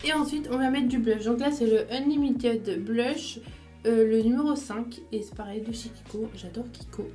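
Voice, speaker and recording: A woman's voice: on the high side, normal speed, warm tone, soft background music. A woman chatting casually through her makeup routine step by step, with small fillers as she goes. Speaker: beauty vlogger.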